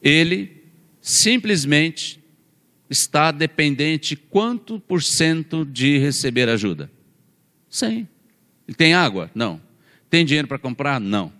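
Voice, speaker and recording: A man's voice: fairly high pitch, lively intonation, slow pace, long pauses, sharp tone. A man preaching a conversational sermon as a pastor. He keeps asking his congregation questions and laughs and teases along the way. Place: church. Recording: long church reverb.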